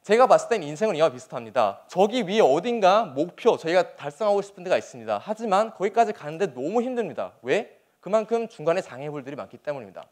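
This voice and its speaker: Young male soldier as motivational speaker: high register, very lively intonation, earnest and emphatic public delivery. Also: fast, few pauses. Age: young adult. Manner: earnest, emphatic, rhetorical questions. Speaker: soldier giving a motivational speech. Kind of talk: motivational public speech to an audience.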